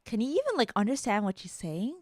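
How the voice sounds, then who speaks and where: Lively, high-pitched woman streaming a game. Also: fast, dry recording. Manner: animated, reactive, giggly, slangy. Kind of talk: live-streamed visual novel playthrough, reading narration aloud.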